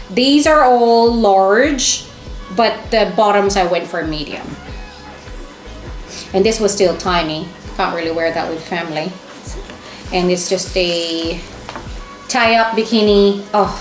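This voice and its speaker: A woman vlogger chatting casually and enthusiastically to camera as she shows things off in a shopping haul. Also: mid-range voice. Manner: chatty, enthusiastic, exclaiming over items. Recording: echoey room with music underneath.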